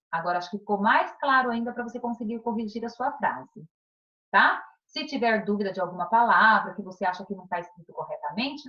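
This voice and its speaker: A woman's voice: mid-range voice, a bit bright, dull audio. A woman teacher with a Brazilian Portuguese accent, giving a recorded remote class to primary pupils in an encouraging way, drawing out syllables and checking in often. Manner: encouraging, drawn-out syllables, frequent "tá?" check-ins.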